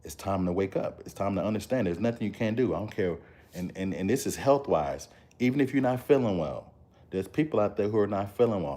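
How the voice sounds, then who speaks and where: A man's voice: sits low, a little mellow. A man, talking casually to camera with a preachy, emphatic, repetitive manner. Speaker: motivational vlogger. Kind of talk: casual motivational talk to camera.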